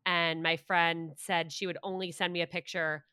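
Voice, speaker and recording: A podcast host in her late twenties talks candidly and pokes fun at herself, laughing easily. Her voice sits a little low for a woman yet sounds bright and forward. The recording is close and dry, with no room sound. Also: little pitch movement, normal speed, smooth, no echo. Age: 20s. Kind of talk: casual interview chat.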